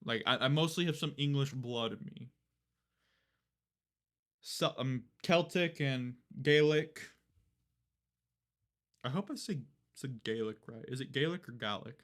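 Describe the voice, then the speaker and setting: A man's voice: mid-range voice, measured pace, long pauses, fairly bright tone. A young man live-streaming, chatting casually and rambling with lots of fillers and casual swearing. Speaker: livestreamer.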